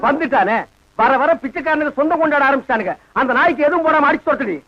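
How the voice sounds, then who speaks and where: A sharp-tongued village grouch. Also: male voice, very high voice, very fast. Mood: mocking. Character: sharp-tongued insulting middle-aged village man. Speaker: grumpy householder in a comedy film. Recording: dull lo-fi film soundtrack.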